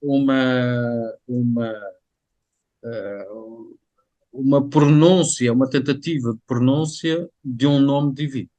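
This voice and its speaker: Guest expert, male, European Portuguese accent, slow and hesitant, dry close sound. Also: medium pitch, mellow, no echo, muffled recording. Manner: hesitant, many drawn-out fillers. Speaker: guest scholar. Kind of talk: interview conversation.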